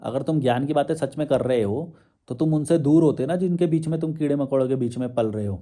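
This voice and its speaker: A man's voice: mid-range voice, quick pace, mellow. A young man giving a confrontational monologue to his viewers, firing rhetorical questions and challenges. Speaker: social media commentator.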